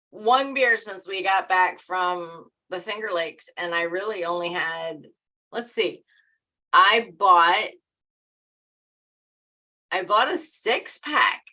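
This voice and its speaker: A woman's voice: medium pitch, bright, forceful tone, rough recording. A woman from Maryland co-hosting a live stream, chatting casually and laughing often. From Maryland, USA.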